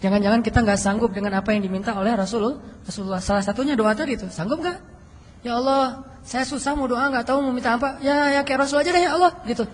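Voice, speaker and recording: A man preaching a casual youth sermon, telling stories in a playful, animated way with quoted dialogue and chuckles. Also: very high voice, fast. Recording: echoey hall with faint noise.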